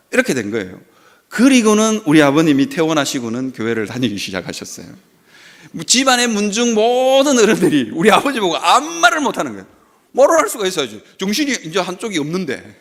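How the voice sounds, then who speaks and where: A man's voice: high-pitched, fairly bright tone. A male pastor preaching a sermon in a church, telling a family story and acting out the dialogue in it.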